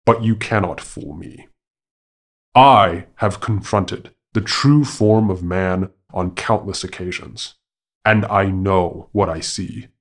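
A proud old warrior tiger from a spoken fable, stern and measured, as a man reads him out. His low voice stays even and grave. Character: proud scarred male tiger, stern veteran.

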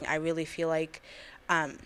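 A woman's voice: low-pitched, completely flat delivery, unhurried, fairly bright tone. A young woman giving earnest, reflective interview answers on webcam in a small indoor room. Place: small indoor room against a plain wall.

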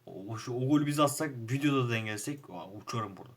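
A young man with a Turkish accent giving casual commentary over a football manager game, frustrated and grumbling, jumping from loud outbursts to low muttering. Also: expressive, quick pace, breathy edge. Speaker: gaming YouTuber playing a football manager game.

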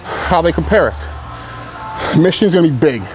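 On a rough recording, a pro bodybuilder in his thirties speaks candidly to camera between sets in a large indoor gym while music plays. His voice is a little high and expressive at normal speed, and his laid-back talk rambles loosely with fillers.

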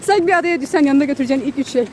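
A woman's voice: high-pitched, very fast. A mother filming her children outdoors, calling after them, scolding and laughing in a casual family vlog. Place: outdoors in a park or picnic area. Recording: noisy outdoor phone recording.

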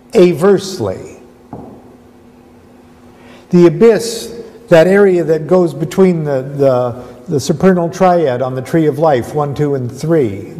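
Slow, dark-voiced man lecturing. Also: fairly high pitch, long reverb tail. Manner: halting, repetitive, with restarts. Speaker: esoteric lecturer. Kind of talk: rambling spoken lecture.

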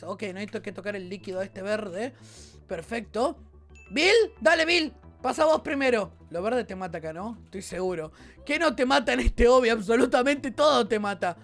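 A young man with a Rioplatense Spanish accent giving excitable let's-play commentary, yelping and shouting at the game. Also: extremely high pitch. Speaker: gaming video host.

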